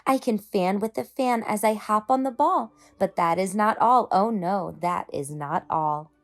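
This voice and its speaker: A woman's voice: mid-range voice, measured pace, soft background music, natural voice. A woman voicing a playful, boastful, mischievous male cat from a storybook, in a showy, coaxing sing-song.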